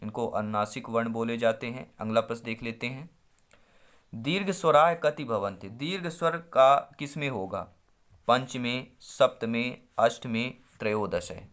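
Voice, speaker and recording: A man's voice: mid-range voice, measured pace, fairly bright tone. A man teaching an online exam-prep lesson, working through quiz questions and stretching out syllables as he explains each answer. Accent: Hindi-speaking India. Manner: quizzing, drawing out syllables as he works through answers.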